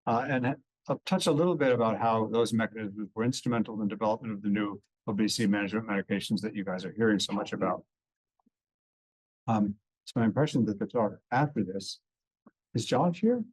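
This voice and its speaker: A man giving a dense, technical medical lecture at a conference, explaining step by step with relaxed asides. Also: lowish voice, breathy edge, no echo, rough recording. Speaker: conference speaker. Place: conference hall.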